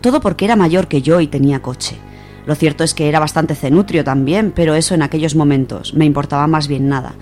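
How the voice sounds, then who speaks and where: A woman from Spain, judging by her accent, presents a literary radio slot and reads a short story told in the first person. She has a low voice with a darkish tone.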